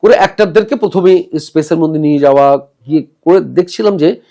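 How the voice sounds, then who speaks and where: A man's voice: a little high, quick pace. A man, a theatre director as podcast guest, explaining his rehearsal methods animatedly and mixing in English terms. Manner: animated, acts out quoted dialogue. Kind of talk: podcast conversation.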